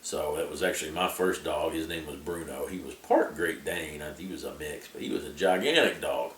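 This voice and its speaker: A man's voice: extremely low pitch, normal speed, fairly bright tone. A man casually recalls his childhood, repeating words as he feels his way along. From Appalachian Tennessee, US. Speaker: interviewee sharing memories. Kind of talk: casual oral-history recollection. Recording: echoey room, distant mic, background noise.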